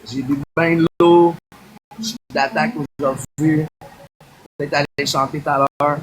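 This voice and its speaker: A man's voice: a little high, steady tone, measured pace. A man with a Québécois accent hosting a casual live stream outdoors, chatting with viewers and thanking them by name. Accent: Québécois French. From Quebec. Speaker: livestream host. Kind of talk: casual livestream chat to viewers. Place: outdoors across from a busy boulevard. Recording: faint street noise behind.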